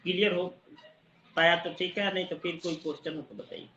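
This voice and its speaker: High, bright-voiced man teaching. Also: steady tone, echoey room, highs cut off, a little hiss or hum. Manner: explanatory, repeats technical terms slowly. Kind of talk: online study-group lecture. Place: sitting near a busy market.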